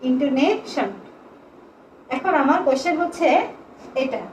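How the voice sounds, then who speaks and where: A woman teaching an English class to young children online, slowly stretching out example sentences for them to repeat. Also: sits high. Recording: echoey room, faint background noise.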